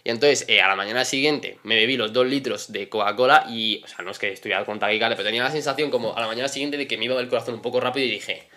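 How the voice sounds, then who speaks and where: A man's voice: medium pitch, rapid-fire, hardly any pauses, pushed and bright. A young man, teasing and joking in casual chat as podcast co-host. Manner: teasing, jokey.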